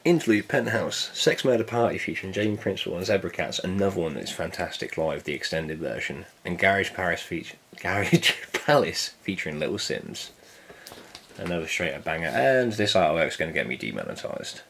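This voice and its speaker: A man's voice: sits low, lively intonation, brisk, creaky, a bit bright, slight background noise. A man chatting casually as he unboxes a vinyl set, laid-back and jokey, swearing now and then. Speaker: vinyl collector vlogger.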